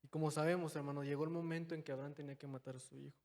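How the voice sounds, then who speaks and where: A young man preaching a sermon in a church, calling his listeners brothers and moving between loud, stressed phrases and quiet, low asides. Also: little pitch movement, very fast. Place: church hall. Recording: long hall reverb.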